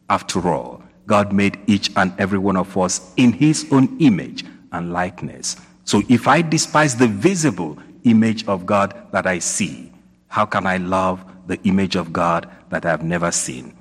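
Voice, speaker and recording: In a large church with long, cathedral-like reverb, a priest with a low, slightly rough voice preaches a sermon. He asks rising questions and repeats points for emphasis.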